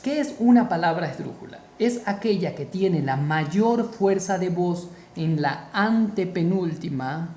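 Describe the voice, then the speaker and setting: A man teaching a spoken grammar lesson, slow and deliberate, repeating key terms for emphasis. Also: high voice, mellow, reverberant, a little hiss or hum.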